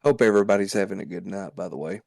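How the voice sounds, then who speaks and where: A man's voice: deep voice, racing, gravelly, a little mellow, dry recording, clean studio sound. A man co-hosting a casual livestream, loose and profane in his talk, chatting with viewers and reading a spooky legend aloud. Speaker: livestream co-host.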